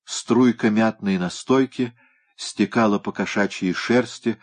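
A man narrating an audiobook in a steady, even storytelling manner. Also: lowish voice, a little slow.

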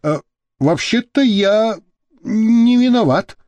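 A man's voice: sits high, lively intonation, takes it slowly, darkish tone, no room sound, pitched above the performer's own voice, full character voice. A man voicing a naive, earnest young male inmate who talks sheepishly.

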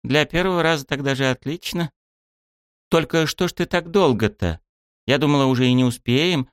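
A man voicing a brisk, businesslike young woman who leads a club, in an audiobook. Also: a little high, smooth, no room sound, studio quality, pitched above the performer's own voice, close to an everyday voice. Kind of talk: audiobook character voice.

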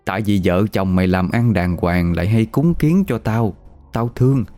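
A man's voice: fairly low pitch, normal speed, dark tone, faint music behind, lightly acted. A man voicing a scornful old male ghost who scolds bluntly. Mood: scolding.

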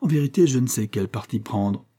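A man's voice: mid-range voice, animated, a little fast, dark tone, husky. A man reading an audiobook and voicing a fretful, whimpering male butler who pleads and frets. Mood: distressed. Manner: plaintive and pleading.

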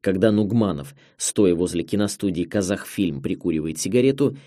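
A man narrating a memoir audiobook in a measured, expressive storytelling manner, recorded on a close studio mic. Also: fairly low pitch, no echo.

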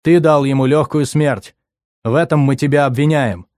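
A male narrator voicing a young woman who speaks firmly and loudly. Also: on the high side, moderate pace, dry recording, clean studio sound, voice pushed up, lightly acted. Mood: firm accusing. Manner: firm, loud. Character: firm, accusing young woman.

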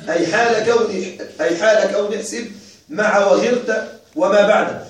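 A male teacher giving a classroom grammar lecture, repeating and drilling examples slowly and quizzing his students. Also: sits high. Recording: very echoey room, mic far off.

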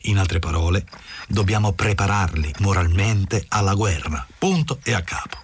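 A man voicing a weary, cynical old school principal who speaks slowly and paternally. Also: low-pitched, expressive, slight background noise. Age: older. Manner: slow, measured, paternal.

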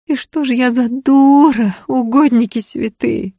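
A woman's voice: mid-range voice, normal speed, a little mellow, no room sound, voice pushed up, natural voice. A woman voicing a tearful, self-blaming young peasant woman who talks in plaintive, folksy village speech. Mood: sobbing, self-reproach.

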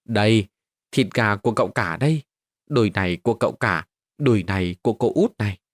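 A man doing a gentle, self-sacrificing poor mother. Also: fairly low pitch, expressive, fairly quick, dry recording, clean studio sound. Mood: tender. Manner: gentle, soothing.

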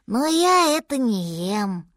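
Woman as a soft, timid baby mammoth boy, high and slow. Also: big pitch swings, dry recording, studio quality, exaggerated voice. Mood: plaintive. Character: lost, gentle little baby mammoth boy.

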